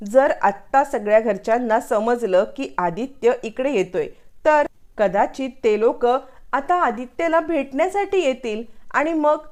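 Woman reading a caring young wife, reassuring, kinda high. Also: a little mellow, natural voice.

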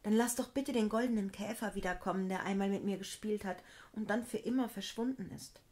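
A woman's voice: medium pitch, brisk, natural voice. A woman storyteller voicing a joyful, eager young girl in a fairy tale. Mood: pleading. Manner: excited exclaiming.

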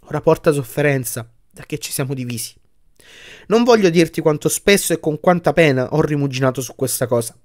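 A man voicing a sorrowful young woman in an audiobook, speaking softly and quietly as she lets her lover go. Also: a little high, animated, fairly quick, close to an everyday voice. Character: young woman, sad, gently firm.

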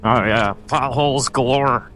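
Laid-back rider. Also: male voice, medium pitch, measured pace, fairly bright tone, rough recording. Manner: laid-back, swearing, chatty. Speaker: motovlogger. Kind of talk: casual ride commentary. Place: on a motorcycle on a highway. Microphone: helmet mic. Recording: wind and engine noise behind.

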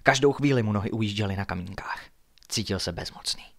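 A man reading his own horror story aloud in a hushed, suspenseful way, sometimes dropping to near-whispers. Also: fairly low pitch, vocal fry.

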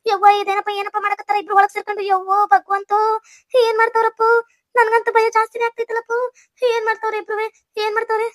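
A woman's voice: very high-pitched, level tone, quick pace, sharp tone, dry recording, clean studio sound. A woman with a North Karnataka Kannada accent voicing a wronged young wife, wailing and pleading shrilly in a cartoon comedy. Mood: frantic.

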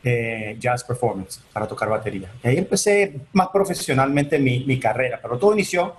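Very animated and brisk, a medium-pitched man in his forties answers interview questions as a guest over a video call from his home office. He's an entertainment attorney born in Venezuela and raised in the United States, and he chats with many fillers and restarts, gesturing while he speaks.

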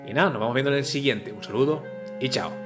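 A man's voice: medium pitch, fast talker, music in the background. A man, a gaming video host giving casual gameplay commentary, chatty and thinking aloud with repeated filler words.

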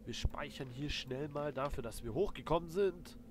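A man's voice: on the high side, moderate pace. A man giving casual gameplay commentary as a let's play host, thinking aloud in colloquial speech. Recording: loud game noise behind voice. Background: video game sounds.

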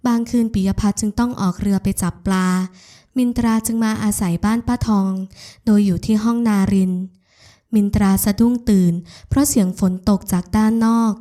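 Audiobook narrator, woman, mellow and even. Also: fairly high pitch. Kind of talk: scripted narration.

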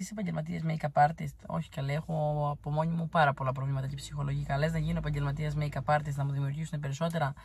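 A woman from Crete, answering viewer comments in a blunt, teasing, chatty way. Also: low voice. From Crete, Greece. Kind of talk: casual chat.

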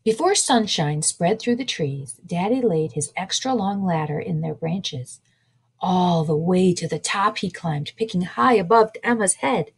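A woman librarian reading a children's picture book aloud in a slow, expressive way. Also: fairly low pitch, husky.

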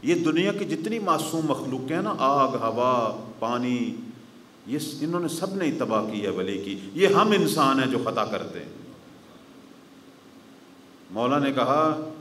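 A man giving a mourning-gathering sermon as a religious scholar, telling stories dramatically and swinging between raised declamation and hushed grief. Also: medium pitch, very animated, a little hiss or hum. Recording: roomy hall echo.

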